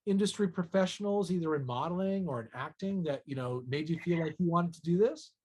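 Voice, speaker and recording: A man's voice: a little high, fairly quick, darkish tone. A man hosting a promotional interview, upbeat and effusive, with long rambling compliments and questions. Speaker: interview host.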